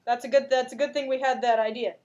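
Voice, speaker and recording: A woman's voice: a little high, steady tone, fast talker, muffled recording, background noise. A woman playing a tabletop game, chatting casually and eagerly asking the game master questions. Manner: eager, asks lots of questions. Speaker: player.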